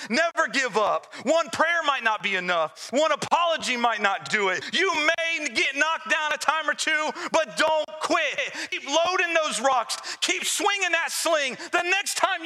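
Booming, high-pitched male motivational preacher. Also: bright, forceful tone. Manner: emphatic, repetitive exhortation. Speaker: pastor. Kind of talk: sermon. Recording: music playing under the voice. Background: music.

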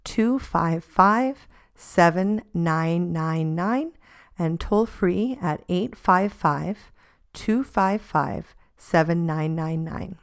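A woman co-hosting a parenting podcast, reading out information in a measured way. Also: on the low side. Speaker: podcast co-host. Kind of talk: reading a sponsor ad and a definition.

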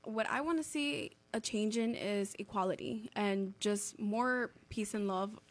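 A woman's voice: medium pitch, measured pace. A young woman from Miami, talking casually as a guest in an interview, with lots of "like" and "um" fillers. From Miami, United States. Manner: chatty, uses lots of "like" and "um" fillers.

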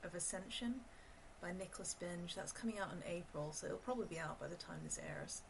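Lowish-voiced woman, distant and noisy mic. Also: fairly quick, gravelly. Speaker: podcast guest. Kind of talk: casual book chat.

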